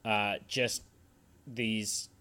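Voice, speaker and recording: A man's voice: fairly low pitch, fairly even intonation, drawn-out words, pushed and bright. A man co-hosting a casual podcast, chatting about a film in a loose, filler-heavy way. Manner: chatty, tangent-prone, lots of fillers. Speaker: podcast co-host. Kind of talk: casual movie review chat.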